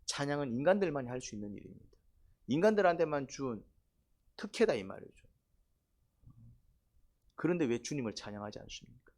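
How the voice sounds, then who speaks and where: Emphatic male pastor preaching a sermon. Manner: emphatic, asks many rhetorical questions, repeats phrases; swings between loud exhortation and low, quiet asides. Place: church evening prayer service.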